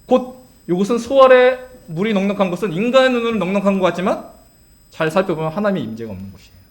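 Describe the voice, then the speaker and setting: A man's voice: high-pitched, expressive, fast talker. A male pastor preaching a sermon, asking the congregation questions and answering them himself.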